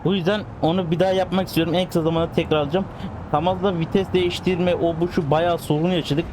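Casting: male gaming host, slightly high voice, excitable live commentary, faint game sounds underneath. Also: quick pace, noisy background. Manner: excitable, talks to the cars, teasing slang. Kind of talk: casual gameplay commentary.

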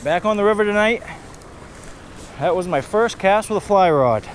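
A high-pitched male voice with lively intonation and a moderate pace belongs to a fishing vlogger with a New England accent. Standing on a rocky riverbank outdoors, he gives casual, upbeat play-by-play of his fishing to a head-mounted action camera. Faint river and wind noise come through.

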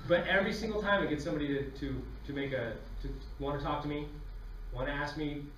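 A man with a high, bright voice tells comic stories at a quick clip, acting out voices as he goes. He is heard from a distance in an echoey hall, with faint room noise behind him. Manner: animated, acts out voices while telling stories. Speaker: comedian giving a talk. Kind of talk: storytelling comedy talk. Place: lecture hall with a live audience.

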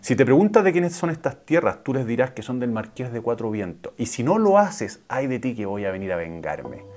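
A man's voice: medium pitch, fairly quick, soft background music. A man voicing a sly scheming cat. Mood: commanding. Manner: flattering to royalty, threatening to peasants. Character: cunning scheming male talking cat.

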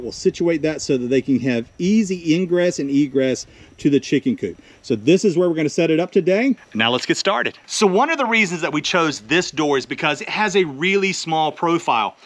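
A man's voice: a little high, lively intonation, brisk. A middle-aged man, host of a homesteading channel, explaining step by step in a casual, practical way while filming himself outdoors beside a chicken coop. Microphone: handheld camera at arm's length.

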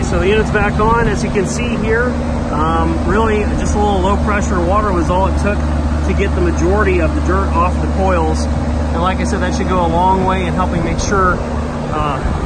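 Holding his phone camera at arm's length, a home maintenance channel host vlogs outdoors in a noisy yard, his voice a little high. This casual how-to talk is plain, full of fillers and restarts, with clear background noise in the outdoor phone audio.

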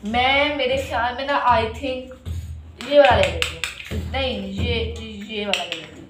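A woman's voice: fairly high pitch, unhurried, music in the background. A woman, casually narrating a family vlog as she plays a game with her child, teasing and playful.

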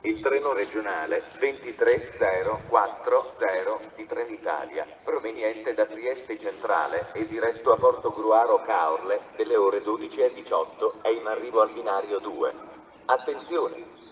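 A man giving an automated train station announcement in formal, segmented stock phrases over a platform loudspeaker. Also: on the low side, moderate pace, far from the mic, muffled recording. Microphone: distant recorder picking up loudspeakers. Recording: echoey station PA from afar, clear ambient noise.

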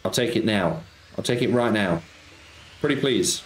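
This middle-aged man from Nottingham, England, speaks at a normal speed in a lowish voice with lively intonation. He is a slots streamer chatting casually on a live stream at home, reading viewers' messages aloud and greeting them cheekily, in an echoey indoor room with faint music behind him.

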